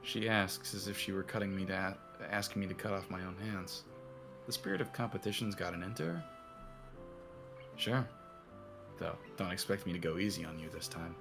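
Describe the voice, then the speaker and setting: Man, cowboy drawl, visual novel narration, very low voice, gravelly. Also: moderate pace, over music. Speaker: narrator and lead reader. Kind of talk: reading a visual novel aloud.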